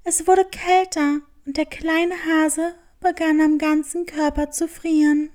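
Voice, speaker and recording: Woman storyteller for a kids' story, high voice, slow and gentle. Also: flat delivery. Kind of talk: children's storybook narration.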